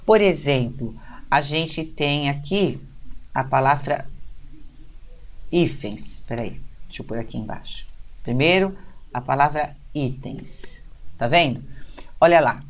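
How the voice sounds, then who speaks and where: A woman's voice: sits low, slow, pauses often. A woman with a Brazilian Portuguese accent teaching an online grammar lesson, explaining step by step and often checking in with her students.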